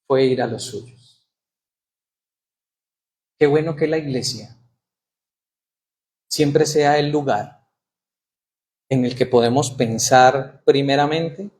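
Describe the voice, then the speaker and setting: A man's voice: medium pitch, a little mellow, slight background noise. A man preaching a sermon in church, asking the congregation questions and reading scripture aloud with rising emphasis. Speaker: pastor.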